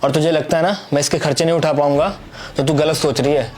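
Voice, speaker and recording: A man's voice: a little high, fairly even intonation, fast, a little mellow, soft background music, close to an everyday voice. A man acting a jealous married lover who argues irritably with his pregnant girlfriend. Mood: irritated. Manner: irritated, argumentative. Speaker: actor. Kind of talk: Hindi web skit acting.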